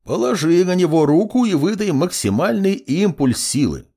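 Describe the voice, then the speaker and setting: Man doing a gruff old wizard examiner, storybook, raised pitch, husky, curt questions. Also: very animated, normal speed, dark tone, full character voice. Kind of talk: audiobook character voice.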